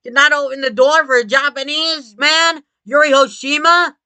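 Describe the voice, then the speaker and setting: A motorsport commentator calling a race live in an excitable manner. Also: high-pitched, normal speed, no echo. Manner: excitable motorsport commentator delivery, breaking into shouts at big moments.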